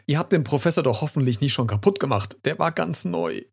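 A man voicing a blustery robber knight father in a storybook reading, calling out in a husky voice. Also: fairly high pitch, expressive, fairly quick, pitched above the performer's own voice, full character voice. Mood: bluff.

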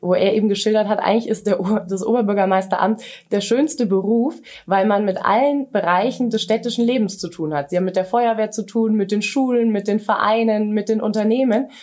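A woman's voice: mid-range voice, brisk, darkish tone. Woman, 30s, mayoral candidate being interviewed; hesitant, filler-heavy delivery. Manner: hesitant, many fillers and restarts. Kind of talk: interview answers.

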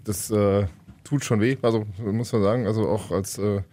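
Mellow man co-hosting a podcast. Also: fairly low pitch, fairly even intonation, moderate pace. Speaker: podcast co-host. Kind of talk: casual studio chat.

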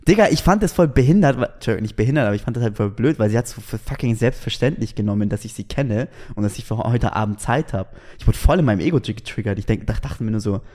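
Young guy rambling slangy stories, lowish mellow voice. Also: quick pace, few pauses. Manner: slangy, animated storytelling. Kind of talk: casual chat.

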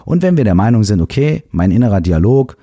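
A man hosting a self-help podcast in casual, animated talk, emphatic and now and then swearing, close to the mic. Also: on the low side, brisk, no echo. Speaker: podcast host.

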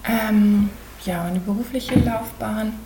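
A German woman in her forties speaks as a podcast guest, her voice dark and mellow. She talks in a thoughtful, searching way, pausing often with fillers. A faint hiss sits under the recording. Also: medium pitch. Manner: thoughtful, many hesitations and fillers. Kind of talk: conversational podcast interview.

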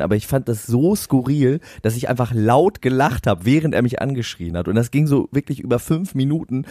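A man co-hosting a podcast, telling a long anecdote in a rambling, animated way and laughing at his own story. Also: mid-range voice, dry recording, studio quality. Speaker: podcast co-host.

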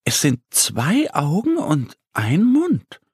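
A man narrating a children's story in a gentle, lively storytelling voice. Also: fairly high pitch, slow, slightly rough, no echo, studio quality.

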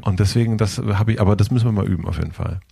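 Man, German accent, podcast host, low voice, husky, hesitant, many fillers. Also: dark tone. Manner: halting, many fillers and restarts. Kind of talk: casual conversation.

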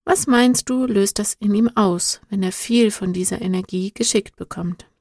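A woman reading a storybook, voicing a calm, patient male guide who explains things gently. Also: mid-range voice, moderate pace, dry recording, studio quality, natural voice.

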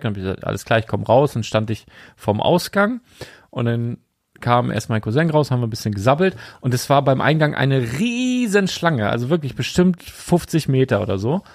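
A man's voice: medium pitch, dry recording. Male co-host, rambling anecdotes, dry close sound. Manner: rambling anecdotal storyteller, laughs often. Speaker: podcast co-host. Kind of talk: casual chat.

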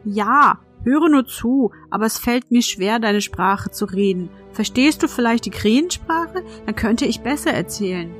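A woman voicing a kindly, croaking female crow who speaks haltingly and deliberately. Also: a little high, animated, faint music behind. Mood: croaky, earnest.

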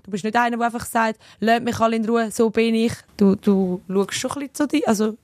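A woman's voice: a little high, fairly even intonation, fast, darkish tone, dry recording. A woman, co-hosting a podcast and probing her guest in a frank, empathetic way. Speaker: podcast co-host. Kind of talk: casual conversational interview.

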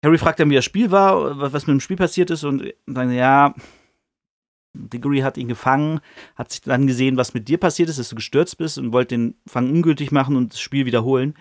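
A podcast host casually retells a book chapter in loose, slangy language full of fillers. He has a medium-pitched voice, speaks fairly quickly, and the recording is clean studio sound with no echo.

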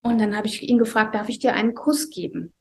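In an interview, a mother with a voice on the high side tells an emotional personal story, speaking earnestly and haltingly and often dropping to a hush.

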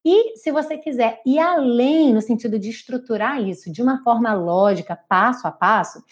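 A woman's voice: a little high, moderate pace, dull audio. A woman with a Brazilian Portuguese accent teaching English pronunciation in a live online lesson, patiently repeating and modeling sounds.

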